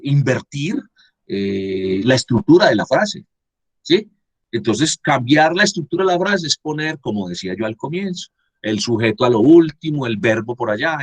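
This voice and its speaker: Husky man teaching an online class. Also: mid-range voice. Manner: repeats and asks "¿sí?" to check understanding. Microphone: video call.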